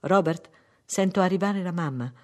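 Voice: medium pitch, normal speed, a little mellow, pitched above the performer's own voice, lightly acted. A reader voicing a weary, withdrawn husband and father who speaks curtly in an audiobook. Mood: soothing. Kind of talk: audiobook reading.

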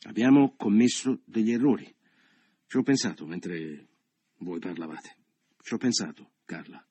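A man's voice: lowish voice, expressive, measured pace, mellow, breathy edge, pitched above the performer's own voice. A man voicing an assertive businessman who coaxes and insists, read in an audiobook. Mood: persuasive. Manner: insistent, coaxing. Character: assertive businessman lover, persuasive, domineering. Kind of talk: audiobook character reading.

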